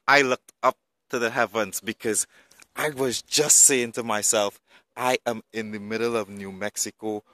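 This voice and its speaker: A man's voice: lowish voice, fairly even intonation, moderate pace, bright, forceful tone, dry recording. A man telling his personal faith testimony in an earnest, emotional way, moving from storytelling into preaching.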